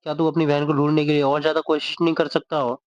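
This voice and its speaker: A man's voice: on the high side, level tone, quick pace, no room sound, lightly acted. A man voicing a fierce female trainer. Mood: scolding. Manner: commanding, scolding. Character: fierce woman martial arts trainer. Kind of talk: manga recap narration. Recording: dull dry recording.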